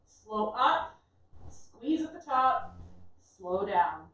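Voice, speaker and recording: A woman's voice: on the high side, big pitch swings, drawn-out words, fairly bright tone. A woman fitness instructor giving workout instructions in an encouraging, reassuring way. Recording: echoey room, distant dull mic, faint noise.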